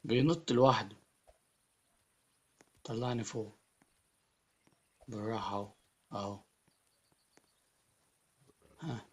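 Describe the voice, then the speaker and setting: A man with an Egyptian Arabic accent giving excitable Let's Play commentary as a gaming YouTuber, often repeating his words. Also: lowish voice, slow, long pauses, slightly rough, lo-fi sound.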